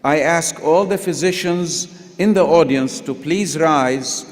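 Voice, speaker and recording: Slow, measured man leading an oath. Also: fairly high pitch. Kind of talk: formal ceremonial address. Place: large arena. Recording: reverberant arena PA sound.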